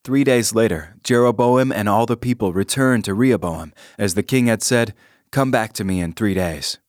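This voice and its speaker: A man giving a calm, measured scripted reading of scripture and a short devotional with prayer. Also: lowish voice, no room sound, studio quality. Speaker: devotional reader.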